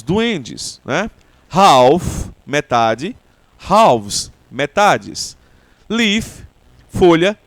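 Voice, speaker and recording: A Brazilian man with a Brazilian Portuguese accent, teaching an English lesson at an unhurried pace. His pitch sits a little high and swings widely as he stresses each example word. The sound is dry and close. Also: no room sound. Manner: slow, deliberate explanation with repeated example words. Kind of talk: language lesson.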